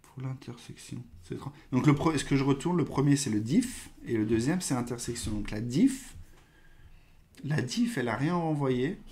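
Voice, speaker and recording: Homme, animateur de live coding, pense à voix haute, hésitant, voix moyenne, frappe au clavier en fond. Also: male voice, medium pitch, a little mellow. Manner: thinking aloud, hesitant, trailing off.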